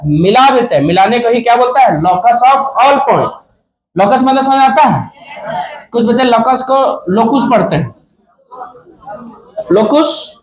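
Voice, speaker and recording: A man teaching a physics class, asking the students questions, answering them himself and joking with them. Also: very high voice. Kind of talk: classroom lecture. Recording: echoey classroom with student crowd.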